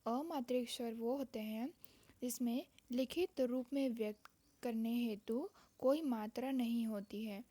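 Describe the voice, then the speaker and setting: A woman's voice: a little high, warm tone, no room sound. A woman teaching an exam-prep grammar lesson, explaining steadily and repeating key points in her English words.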